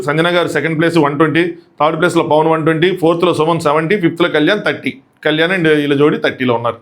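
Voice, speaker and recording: A man with a Telugu accent giving a quick, animated review of a reality show episode, acting out the contestants' lines. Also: fairly high pitch. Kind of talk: fast episode review commentary.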